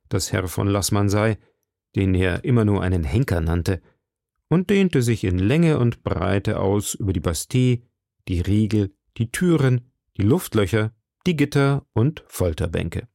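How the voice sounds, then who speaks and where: A man narrating a classic novel as an audiobook in a steady, measured reading. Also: lowish voice, gravelly, no echo, clean studio sound.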